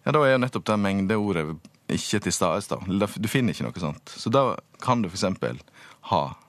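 A male linguist being interviewed, explaining patiently and pausing often to find his words. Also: deep voice, lively intonation, no room sound. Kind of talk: radio interview.

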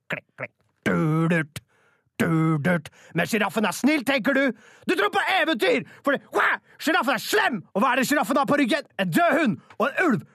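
A man's voice: very high voice, bright, forceful tone, slightly rough, dry recording, studio quality, exaggerated voice. A man playing a frantic anti-wolf crusader. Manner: wildly melodramatic, roaring animal noises and sound effects. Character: bumbling rural male politician, overzealous anti-wolf crusader. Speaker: local party leader. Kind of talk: comedy sketch, mock radio play.

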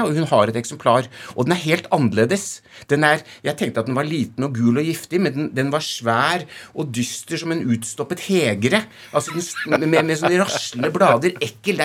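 A man with an Oslo Norwegian accent, a novelist talking in an interview in an effusive, emphatic way with halting repetitions. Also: a little high, slightly rough. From Oslo west, Norway. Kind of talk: animated conversational interview.

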